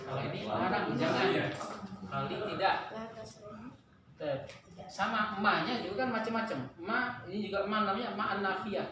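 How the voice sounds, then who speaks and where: A man's voice: high-pitched, normal speed, long pauses, a crowd in the background. A man teaching an Arabic grammar class, patient, often laughing and repeating key terms. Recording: very echoey room with noise.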